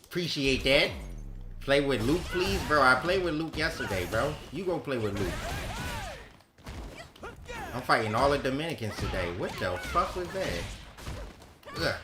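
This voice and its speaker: A man livestreaming a fighting game, chatting casually in slangy, profane language with excitable exclamations. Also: medium pitch, unhurried, long pauses. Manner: slangy, profane trash talk. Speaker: livestream host. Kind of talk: casual game-stream chat while playing a fighting game. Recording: roomy echo, faint background noise.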